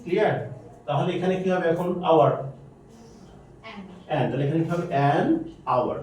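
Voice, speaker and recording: A man's voice: a little high, fairly quick, a little mellow, recorded from a distance, a little hiss or hum. A male teacher, quizzing his students with repeated questions during a grammar lesson. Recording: very echoey room, voice from afar.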